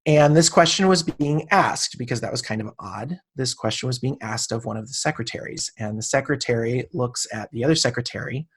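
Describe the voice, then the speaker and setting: A man in his late thirties, a guest on a podcast, tells a personal story in a relaxed conversational way. He acts out the voices of the people in his story, and his voice sits at an ordinary middle pitch. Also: brisk, hardly any pauses, slightly rough. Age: 30s.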